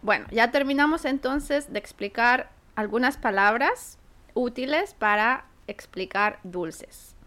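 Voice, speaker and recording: A woman co-hosting a casual podcast, speaking in a measured way with soft agreeing murmurs. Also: fairly high pitch, lively intonation. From Chile. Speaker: podcast co-host. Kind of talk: casual chat.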